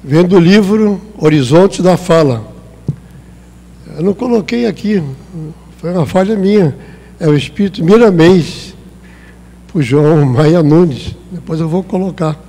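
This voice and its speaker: A Brazilian man giving a spiritist lecture in a hall with long reverb. His voice sits fairly high but sounds mellow and dark. He talks in a conversational way and acts out small exchanges. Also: unhurried, pauses often. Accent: Brazilian Portuguese. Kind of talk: spiritist talk.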